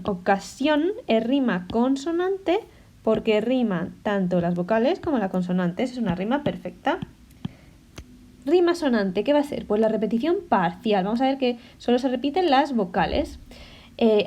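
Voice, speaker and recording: Higher-pitched woman teaching a lesson. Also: warm tone. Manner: patient, checks understanding with short questions; sounds out rhyme endings slowly. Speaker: language teacher. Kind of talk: classroom explanation.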